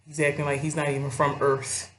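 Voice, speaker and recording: A woman's voice: deep voice, level tone, brisk, slight background noise. A young woman giving casual commentary to her viewers, rambling and swearing freely as she talks straight to them. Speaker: vlogger. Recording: roomy echo.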